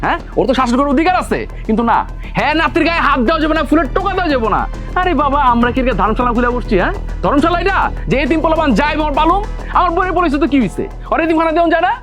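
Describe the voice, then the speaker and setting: A man plays a harsh, scolding elder son. He speaks very fast, his voice high and lively. Faint music runs behind him. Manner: scolding, quarrelsome. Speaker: elder son in a family drama. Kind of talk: television drama acting.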